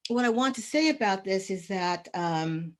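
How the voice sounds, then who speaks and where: A woman's voice: mid-range voice, animated, moderate pace. A woman speaking as a panelist in a discussion, passionate and emphatic, with a tremor in her voice.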